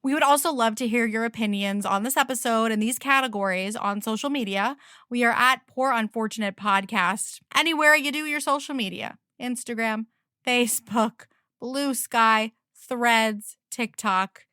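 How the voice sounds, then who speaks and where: A woman's voice: a little high, normal speed, sharp tone, dry recording, studio quality. A woman co-hosting a podcast, chatting casually and enthusiastically, laughing easily. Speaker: podcast co-host.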